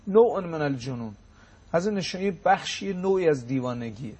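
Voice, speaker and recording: A man giving a religious talk on a show. He recites sayings slowly in Arabic and then explains them briskly. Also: a little high, expressive, darkish tone, husky. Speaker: religious lecturer.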